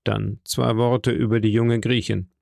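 A man's voice: lowish voice, little pitch movement, a little slow, gravelly, darkish tone, no echo, clean studio sound. A man voicing a formal male journalist who asks politely but insistently for an explanation.

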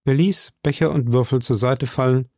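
A man reads a classic adventure novel aloud, telling the story at a measured pace. His mid-range voice has a gravelly, creaky texture. The recording is close and completely dry. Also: medium pitch, a little mellow, dry recording. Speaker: audiobook reader.

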